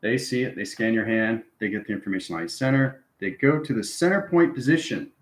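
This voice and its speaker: This time the man's voice sits at medium pitch and runs a little fast as he improvises an esoteric lecture on his spiritual channel. Instruction comes repetitively, with frequent short tags like "right" and "okay," and the recording sounds roomy and echoing.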